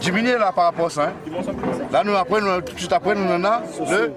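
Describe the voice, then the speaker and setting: A man's voice: high-pitched, quick pace, loud music behind the voice. A man at an outdoor market explaining corn products to visitors, quizzing them as he goes. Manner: lively, quizzing the listener. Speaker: corn mill vendor. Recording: loud crowd behind.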